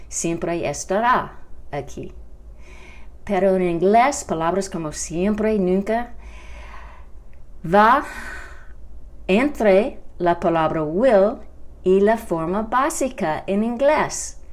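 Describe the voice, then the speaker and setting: A woman teaching English to Spanish speakers. She explains slowly and repeats each English example with care. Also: mid-range voice, expressive. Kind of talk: Spanish-language English lesson. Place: home during quarantine.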